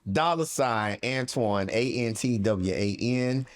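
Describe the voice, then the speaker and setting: A man's voice: medium pitch, expressive, slow pace. A man chatting loosely on a talk show panel, joking and laughing. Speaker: panel guest. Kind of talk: casual panel chat.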